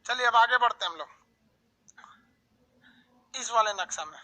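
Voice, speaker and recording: A man teaching an online map lesson, drilling country lists in quick runs and joking with viewers' comments. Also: very high-pitched, bright, forceful tone, low-quality recording. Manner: brisk drilling, calls students "babu", joking asides.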